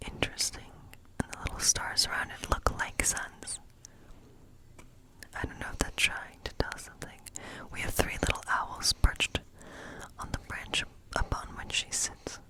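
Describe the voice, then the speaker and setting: In this ASMR role-play, a woman plays a kindly witch of the woods and reads tarot. Her whisper is breathy and unhurried, her manner musing and reassuring, and the recording quality is poor.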